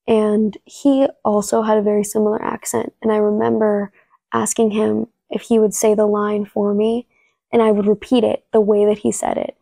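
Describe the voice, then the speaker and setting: A young actress, a native Spanish speaker talking in English, relaxes into an interview, telling stories from her acting work with frequent "like" and many restarts. Her voice is medium-pitched and creaky, with no room sound.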